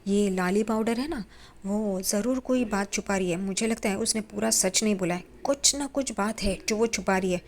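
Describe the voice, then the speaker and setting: A woman's voice: medium pitch, normal speed, lightly acted. A woman voicing a cheeky young man who fancies himself an amateur detective, teasing and joking as he talks.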